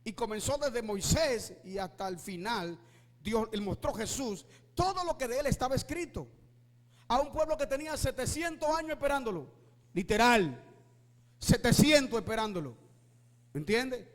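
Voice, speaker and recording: A male pastor preaching with fervor, shouting at his peaks and asking his listeners rhetorical questions. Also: very high voice, animated, normal speed, long reverb tail. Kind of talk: preaching sermon.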